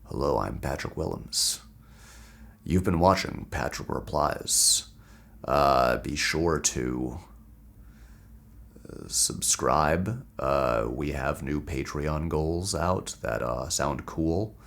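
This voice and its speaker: A man hosting his video in casual talk, his voice unusually deep and lowered, rambling in a self-amused way. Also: slow pace, gravelly, a bit bright. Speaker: video host.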